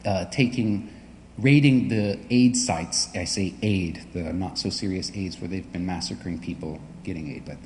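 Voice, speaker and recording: A man hosting a concert, speaking earnestly and haltingly as he introduces a message. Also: sits low, a little mellow. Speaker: concert host and pianist. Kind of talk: spoken introduction and letter reading at a concert. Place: concert venue. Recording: long hall reverb.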